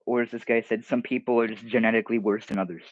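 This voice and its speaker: A man's voice: fairly low pitch, fairly even intonation, fast talker, no room sound, dull audio. A teenage streamer, casually reading comments aloud and mocking them, often restarting his sentences.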